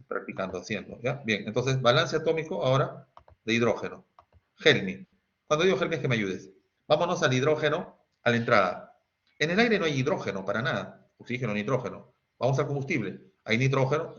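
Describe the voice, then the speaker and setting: Un profesor con acento peruano que da una clase de química en línea y pregunta "¿sí?" a cada rato a sus alumnos. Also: male voice, medium pitch, a bit bright. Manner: quizzing students, asking "¿sí?" often, sings snatches. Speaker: teacher. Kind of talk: online chemistry class. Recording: dull lo-fi sound.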